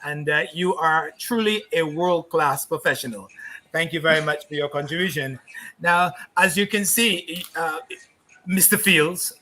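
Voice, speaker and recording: A middle-aged man from Barbados hosts a relaxed online chat. His voice sits a little high and sounds bright, and his manner is courteous and chatty. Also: slight background noise. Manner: courteous, talkative, halting at the guest's name. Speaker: host. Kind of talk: casual video-call chat.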